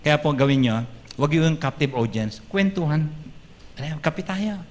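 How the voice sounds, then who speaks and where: A man preaching as a pastor, lively and joking, often calling out to the congregation for an "Amen.". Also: a little high, unhurried, long reverb tail. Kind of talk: sermon. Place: church hall.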